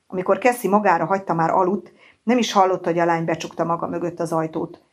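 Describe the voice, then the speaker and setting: Measured woman reading an audiobook. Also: lowish voice, steady tone. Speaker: audiobook reader. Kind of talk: audiobook narration.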